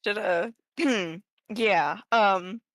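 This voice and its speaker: A woman's voice: mid-range voice, drawn-out words, a bit bright, no echo. A woman playing a tabletop role-playing game, chatting casually and informally with some swearing. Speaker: tabletop role-play player. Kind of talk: casual, giggly game chat.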